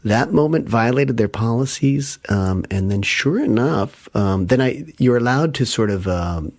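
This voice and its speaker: A man's voice: mid-range voice, animated, measured pace, no room sound, studio quality. A man co-hosting a podcast in casual chat, telling a story in a rambling way that keeps stopping and restarting. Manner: rambling, self-interrupting storyteller. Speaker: podcast co-host.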